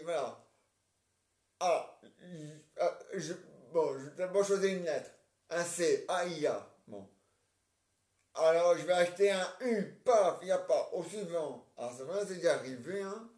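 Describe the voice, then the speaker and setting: A man talking on his own in a casual, rambling monologue, muttering counts under his breath and clearing his throat between fillers. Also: on the high side, darkish tone. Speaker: vlogger. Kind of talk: casual solo monologue to camera. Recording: roomy echo.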